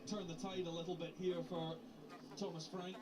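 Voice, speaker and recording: A man calling live football play-by-play commentary, describing the action in an unhurried way. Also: high-pitched, flat delivery, very noisy. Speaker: match commentator.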